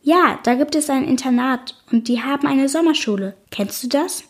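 Woman reading a warm, upbeat young woman character, slightly high and breathy. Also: normal speed. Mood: encouraging. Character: friendly, mischievous young woman, father's girlfriend.

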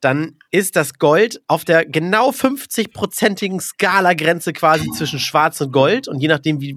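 A man's voice: on the high side, a bit bright, no room sound, studio quality. A man co-hosting a casual podcast chat, explaining things at length with many fillers and hedges. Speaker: podcast co-host.

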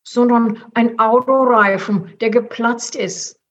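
A woman's voice: fairly high pitch, fairly even intonation, slow pace. A woman voicing a cool, streetwise male mouse with a slangy manner in a storybook reading. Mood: triumphant. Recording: dull lo-fi.

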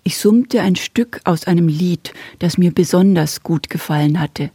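A woman narrating a children's story in a calm, gently expressive way, in the first person. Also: lowish voice, a little slow, breathy edge, no echo, studio quality.

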